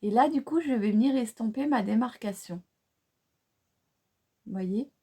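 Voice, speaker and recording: A French-accented woman talks through a makeup tutorial at a slow, unhurried pace. Her voice is mellow and warm rather than bright. She chats casually, hesitating often with fillers and restarts. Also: fairly high pitch, animated, slightly rough. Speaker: beauty vlogger.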